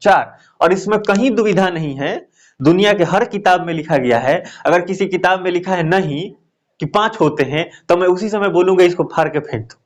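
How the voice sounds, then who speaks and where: A man's voice: high voice, normal speed. A man teaching a grammar lesson step by step. He asks questions and answers them himself, checks in with the class often, and draws out vowel sounds to show them. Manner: explains step by step, repeats key answers as questions.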